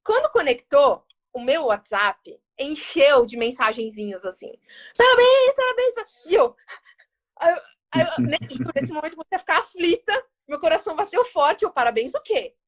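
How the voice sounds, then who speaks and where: High-voiced, animated woman. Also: normal speed. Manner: animated, acts out quoted dialogue. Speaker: diplomat, interview guest. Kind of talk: emotional storytelling in an interview.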